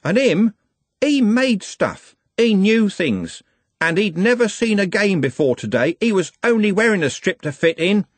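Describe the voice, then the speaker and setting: A man voicing a furious, grief-stricken young street lad who shouts and swears scornfully. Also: sits high, very animated, a little slow, no room sound, pitched above the performer's own voice, exaggerated voice. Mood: furious, anguished.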